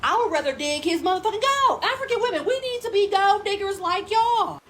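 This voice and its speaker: Very high-voiced woman ranting sarcastically. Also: expressive, a little fast, fairly bright tone. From United States. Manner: profane, sarcastic, heavy swearing. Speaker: commenter in a stitched clip. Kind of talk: mock-praising rant.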